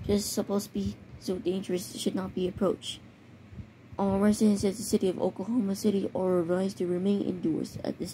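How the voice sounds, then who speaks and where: A woman reads mock emergency bulletins and weather warnings for a homemade alert scenario, halting and tripping over words. Her medium-pitched voice is soft-edged, dark and mellow, but the audio is poor, with faint background noise.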